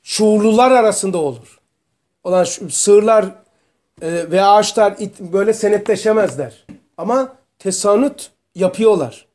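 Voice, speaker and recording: A man teaching a religious study group, explaining terms slowly and asking his students questions. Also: high voice, darkish tone. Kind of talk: religious lesson to a small group.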